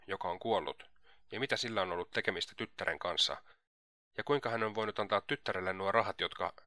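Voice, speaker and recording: A man's voice: lowish voice, bright, forceful tone, no room sound, clean studio sound. A man reading the lines of an anxious, fretful aging mother in an audiobook. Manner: fretful, pleading.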